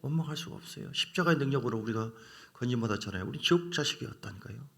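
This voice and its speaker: Male pastor, lively preaching voice, gravelly texture, acts out voices, asks congregation questions. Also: medium pitch, very fast. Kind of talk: Wednesday evening sermon.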